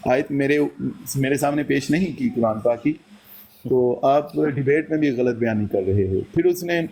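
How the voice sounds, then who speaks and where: A man casually recounting a debate, quoting his own lines back and forth as he tells it. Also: medium pitch. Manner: recounts events and quotes himself in lively dialogue. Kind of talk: casual storytelling.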